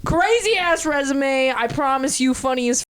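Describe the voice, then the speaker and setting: A woman's voice: high voice, lively intonation, normal speed, a loud crowd. Playful, hyped woman podcast host. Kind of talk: casual podcast chat.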